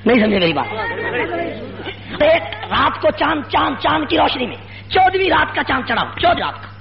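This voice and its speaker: A man giving an impassioned rally speech at a public gathering, full of repetition, shouted rhetorical questions and call-and-response. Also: very high voice, big pitch swings, vocal fry, soft background music, a faint crowd. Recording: lo-fi with faint hum.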